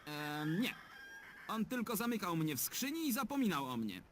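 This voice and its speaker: A man's voice: high-pitched, big pitch swings, normal speed, a bit bright, a little hiss or hum. An actor voicing a sarcastic, sulky talking male bird in a dubbed adventure game. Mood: sardonic. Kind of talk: game dub voice acting.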